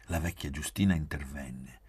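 A man reading a literary novel aloud in a measured, expressive way. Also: rumbling low, breathy edge. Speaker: reader.

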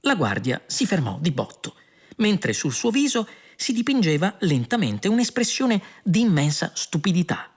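A man reading a comic science-fiction novel aloud as a steady storybook narration. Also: high-pitched, moderate pace, breathy edge. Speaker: audiobook reader.

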